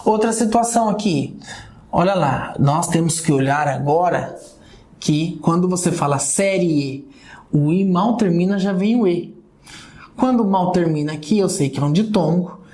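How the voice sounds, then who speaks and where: A man's voice: high voice, moderate pace, a little mellow. A man with a Brazilian accent giving a recorded video lecture, explaining step by step and often calling out to his viewers. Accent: Brazilian Portuguese. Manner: explanatory, addresses viewers often with "olha só" and "galera". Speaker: teacher. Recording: roomy classroom echo.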